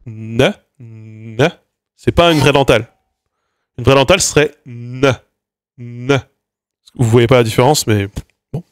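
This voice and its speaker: A man's voice: medium pitch, fairly quick, long pauses, no room sound, clean studio sound. Chatty man demonstrating speech sounds. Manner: hesitant, many fillers and restarts, demonstrates sounds aloud. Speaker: linguistics streamer. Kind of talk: casual explanatory lesson.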